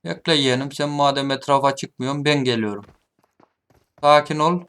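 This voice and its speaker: A man giving gameplay commentary, taunting his opponents, muttering at some moments and shouting at others. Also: medium pitch, normal speed, clean tone. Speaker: gaming streamer. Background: game gunfire.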